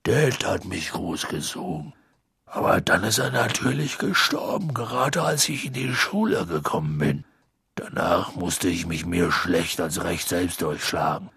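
A man voicing a huge, gruff, lonely half-giant gamekeeper with a deep husky voice and slow, halting speech. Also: animated, a bit bright, no echo, studio quality, exaggerated voice. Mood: wistful. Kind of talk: audiobook character voice.

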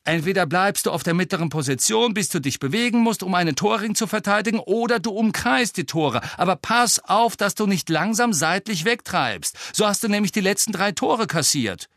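A man reading aloud voices a bossy teenage girl, the team captain, with sharp, loud commanding calls. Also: sits high, sing-song, a little slow, long pauses, no echo, clean studio sound, pitched above the performer's own voice, exaggerated voice. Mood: scolding.

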